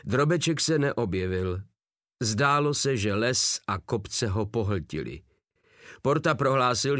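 A man with a mid-range voice narrates a scripted audiobook in an expressive, storytelling style. The studio sound is clean, with no room sound.

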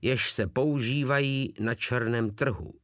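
A man's voice: mid-range voice, a bit bright, no echo, studio quality, natural voice. A man voicing a small, pompous old field marshal who spits out his words with contempt, in an audiobook reading. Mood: scornful.

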